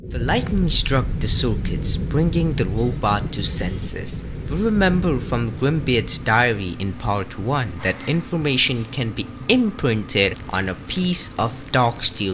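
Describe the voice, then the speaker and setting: Dramatic male lore narrator over music. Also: mid-range voice. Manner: dramatic, with rising and falling emphasis.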